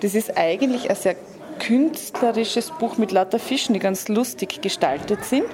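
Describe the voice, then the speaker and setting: A woman's voice: medium pitch, moderate pace, a crowd in the background. A woman and teacher chatting about the books at a stall she looks after.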